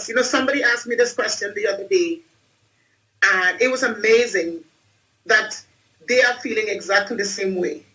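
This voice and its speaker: Speaking as an interview guest over a video call, this Trinidadian entrepreneur and speaker recounts her life emphatically and repeats phrases for effect. Her voice is on the high side with a sharp tone, captured from a distance in a low-quality recording.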